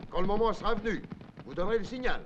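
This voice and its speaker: An actor in a dubbed adventure film playing an urgent medieval officer giving commanding orders to soldiers. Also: male voice, high-pitched, animated, very fast. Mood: firm, commanding. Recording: dull old film soundtrack, crowd, noise.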